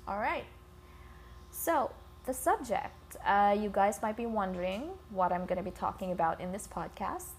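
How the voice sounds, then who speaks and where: A woman's voice: mid-range voice, animated, normal speed, a little hiss or hum. A woman from the Philippines hosting a casual, informal solo podcast, recorded on a phone with scratching in the background. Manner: informal, swearing, addresses listeners as guys. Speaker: podcast host. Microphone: iPhone.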